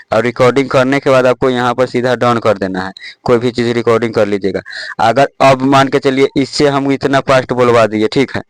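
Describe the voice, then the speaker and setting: A man's voice: mid-range voice, clear, resonant tone, no room sound, rough recording. A young man casually walking viewers through an app, step by step, with lots of "dekhiye" and "thik hai". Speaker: tech tutorial host. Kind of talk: casual screen-recorded app tutorial.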